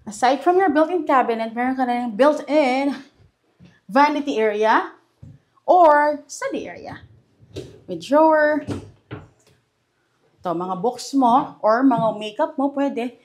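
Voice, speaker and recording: A young Filipino-accented woman leads a house tour, talking in a fairly high voice. She sounds chatty and upbeat, full of enthusiasm. She is recorded indoors in a furnished house. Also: lively intonation, slow, long pauses, darkish tone. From Philippines. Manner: chatty and enthusiastic, mixing Tagalog and English. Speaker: real estate house tour host. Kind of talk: casual house tour walkthrough.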